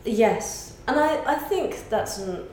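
A woman who works in animation, talking in a measured, thoughtful way in a casual chat. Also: fairly high pitch, animated, a little mellow. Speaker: animation industry guest. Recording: roomy echo, faint noise.

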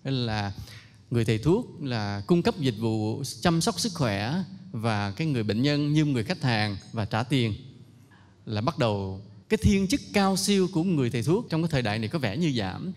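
A man giving an unhurried, reflective talk full of anecdotes. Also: mid-range voice, expressive, darkish tone. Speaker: speaker giving a moral talk. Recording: long hall reverb.

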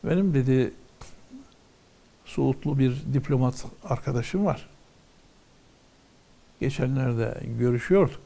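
A man's voice: mid-range voice, slow, vocal fry, long pauses, mellow. A man teaching from a religious text, reading ornate old wording aloud and then explaining each phrase in plain words.

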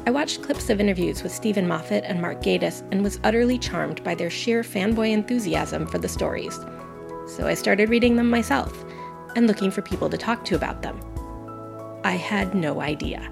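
A woman reads her own essay aloud with earnest, enthusiastic warmth for her subject. Her voice carries a gravelly fry at the ends of phrases. Music plays clearly underneath her the whole time. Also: medium pitch, moderate pace. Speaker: guest podcaster. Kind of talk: reading a personal essay. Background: background music.

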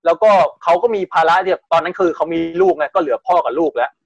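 A man's voice: on the high side, fast talker, no echo, low-quality recording. A man casually retelling a strange news story on a podcast, chatty and full of restarts. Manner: chatty, restarts often, acts out quotes.

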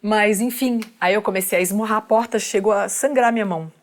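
A woman, a journalist guest telling a story in an animated, expressive way. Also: mid-range voice, brisk. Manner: expressive, acts out quoted voices, laughs often.

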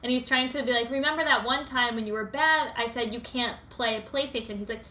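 A woman's voice: fairly high pitch, a little fast, sharp tone. A young adult woman co-hosting a podcast, telling stories casually and peppering her talk with "like". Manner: frequent "like" as filler. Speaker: podcast co-host. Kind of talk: casual chat and storytelling.

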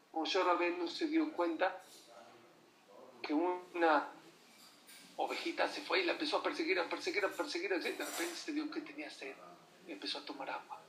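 In this distant, echoey recording, a man with a high, slightly bright voice gives a forceful sermon. As a religious teacher addressing listeners, he often asks them rhetorical questions.

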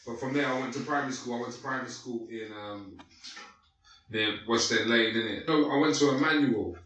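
A late-thirties guest from North West London tells his life story in loose, slangy, casual chat packed with fillers, in a London accent. His mid-range voice is a bit bright and a little fast. He sounds far from the mic in an echoey room, with slight hiss or hum.

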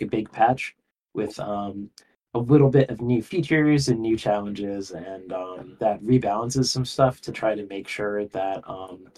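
A man guesting on a podcast, talking casually about his game with many pauses and restarts. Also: lowish voice, a little mellow, far from the mic, poor audio. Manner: hesitant, many ums and restarts.

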